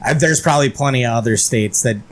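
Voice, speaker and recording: A man's voice: mid-range voice, fast, fairly bright tone. A man co-hosting a casual podcast, cracking dry, crude jokes. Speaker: podcast co-host. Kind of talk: casual drinking-podcast chat.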